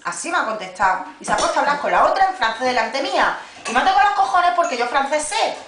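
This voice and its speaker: A woman's voice: sits high, big pitch swings, fast talker, fairly bright tone, a little hiss or hum. Woman, flight attendant, indignant storytelling, distant home video, plates and cutlery clinking. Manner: indignant, swearing, acts out quoted dialogue. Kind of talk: casual chat, telling a story. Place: home, indoors. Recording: echoey room, far from camera, clattering dishes.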